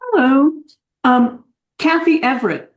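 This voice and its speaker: A woman's voice: sits high, lively intonation, unhurried. Chatty woman on a video call. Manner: chatty, meandering, with ums. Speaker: participant. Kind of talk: casual chat.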